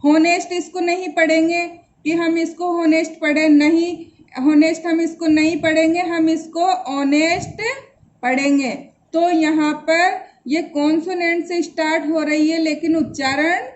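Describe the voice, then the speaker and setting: Female teacher, high voice, patient and repetitive delivery, slightly dull home recording. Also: steady tone. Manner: slow, repeats each point for pupils. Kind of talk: grammar lesson.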